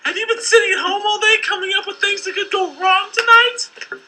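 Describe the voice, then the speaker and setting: A woman's voice: extremely high pitch, fairly even intonation, brisk, bright, forceful tone, low-quality recording. An actress voicing a skeptical young woman in a game who teases a caller warning her of danger.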